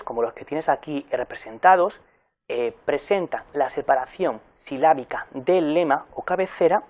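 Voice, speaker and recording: Man giving a measured lecture, slightly dull recording. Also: a little high. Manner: explanatory, pausing often with fillers and self-corrections. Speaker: university lecturer.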